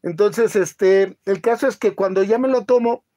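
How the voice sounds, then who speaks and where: A man, hosting a casual live-stream chat and telling a halting story full of fillers. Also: high-pitched, mellow. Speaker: channel host.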